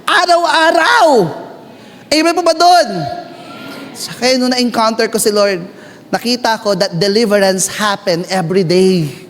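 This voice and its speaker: A man's voice: fairly bright tone, slight background noise. A Filipino man preaching a sermon, mixing Tagalog and English, calling out to the congregation and acting out prayers. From Philippines. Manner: switches between Tagalog and English, calls out to the congregation; shifts pitch often, acts out prayers and asides. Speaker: pastor. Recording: long hall reverb.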